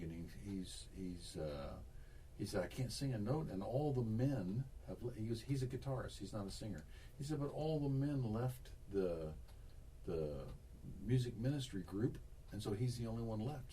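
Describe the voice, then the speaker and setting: A man's voice: on the low side, dark tone, distant mic, a little hiss or hum. A man giving a one-on-one singing lesson, coaching and demonstrating exercises, repeating himself as he explains. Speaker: voice teacher.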